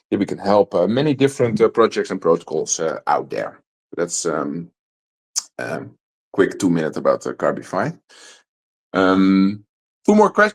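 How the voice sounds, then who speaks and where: Dutch-accented male host, low voice, hesitant with many ums, live online panel.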